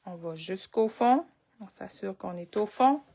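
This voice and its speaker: A woman's voice: mid-range voice, lively intonation, measured pace, gravelly, noisy background. A woman with a Québécois French accent leading a live crafting tutorial, chatting and thinking aloud as she works. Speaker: crafting instructor.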